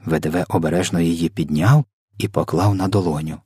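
A man's voice: low voice, steady tone, fairly quick, darkish tone, slightly rough, no room sound, studio quality. A man narrating a children's storybook in a vivid, dramatic reading.

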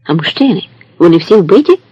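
A man voicing a young woman who asks soft, eager questions, in a storybook reading. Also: high-pitched, big pitch swings, a little fast, breathy edge, no room sound, muffled recording, exaggerated voice. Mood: questioning.

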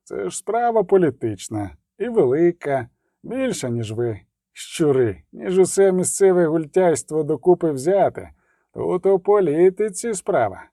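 A man voicing a calm, well-informed middle-aged merchant in an audiobook, explaining in a measured way. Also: a little high, no echo, studio quality.

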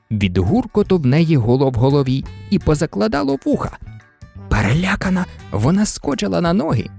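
A man reading a storybook aloud with animated, swooping expression. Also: high-pitched, gravelly. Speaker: storybook reader.

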